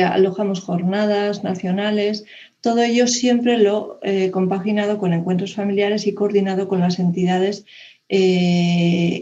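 A woman's voice: mid-range voice, warm tone, slight background noise. Woman from on a dull video call. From Spain. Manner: hesitant, many fillers and restarts. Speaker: conference speaker. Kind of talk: online presentation talk. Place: room indoors, video call.

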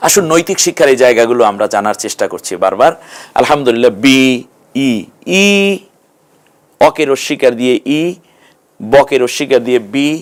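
A man's voice: medium pitch, fairly quick, pauses often. A man teaching a recorded Quran reading lesson, explaining letters and vowel marks step by step and putting questions to his students. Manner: patient, step-by-step explaining, asks questions of learners.

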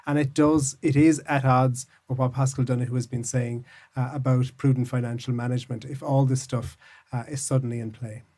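An Irish man, a political correspondent, giving measured, hedging analysis in a news podcast. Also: mid-range voice, steady tone, warm tone. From Ireland. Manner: measured, hedging, thinks aloud.

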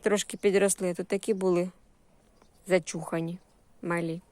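A woman leads a relaxed, unscripted walk through a vegetable garden and greenhouse, using short, homely phrases loaded with diminutives. She speaks Ukrainian-accented surzhyk with Russian-influenced words. Her voice is on the low side and a little mellow, with a level tone and normal speed.

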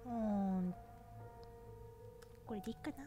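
A woman's voice: mid-range voice, measured pace, mellow, faint music behind. A woman from Japan streaming a horror game, thinking aloud to herself, nervous and easily startled. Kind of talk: casual horror game let's play commentary.

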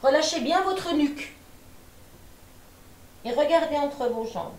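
A middle-aged woman leading a gentle seated exercise class from her attic room at home, with calm, encouraging and folksy cues. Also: high voice, takes it slowly. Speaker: gentle gym instructor. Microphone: far camera. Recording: echoey room from far off.

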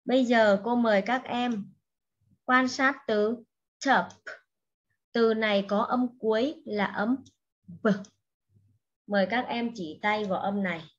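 A woman teaching an English lesson to young children, speaking slowly and patiently and repeating each word for the class to echo. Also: a little high, dull audio. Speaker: primary school English teacher.

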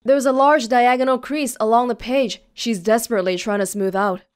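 A woman hosts a let's play, reading a visual novel aloud with playful, expressive, casual commentary. Her voice sits a little high and sounds brisk and smooth.

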